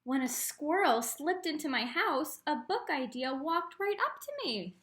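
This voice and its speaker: An art teacher reads a picture book aloud to children in a high voice at a measured pace. She's expressive and adds teaching asides spoken straight to her young listeners.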